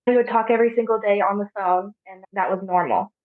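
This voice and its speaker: A young woman in her twenties from Arizona, telling a personal story softly, with halting pauses. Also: medium pitch, steady tone. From Arizona, USA. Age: 20s. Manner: soft, halting, with frequent pauses. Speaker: podcast guest. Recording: phone-like narrow sound.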